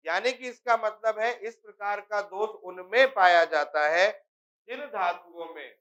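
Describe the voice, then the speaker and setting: A man with a high-pitched voice teaches chemistry in a classroom. He explains each step and keeps checking whether the students follow. The recording sounds dull and lo-fi. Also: unhurried, fairly bright tone. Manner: explains with repeated questions to students. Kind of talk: classroom lecture.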